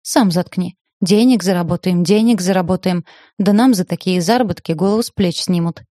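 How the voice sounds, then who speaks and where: A woman's voice: on the low side, brisk, dark tone, no echo, clean studio sound, lightly acted. A woman voicing a nasal, crude middle-aged male kidnapper who talks in coarse, mocking street slang. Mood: gruff.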